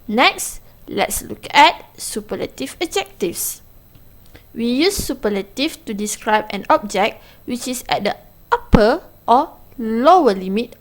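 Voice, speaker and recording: A woman teaching an English lesson, her voice sitting a little high. She explains patiently, slowing down on key words and switching between English and Malay. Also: a bit bright. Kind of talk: classroom lesson narration.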